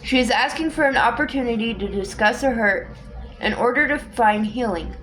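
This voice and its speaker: A woman reading a book aloud in a calm, measured way, with an occasional small restart. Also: on the high side, faint music behind. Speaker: audiobook reader.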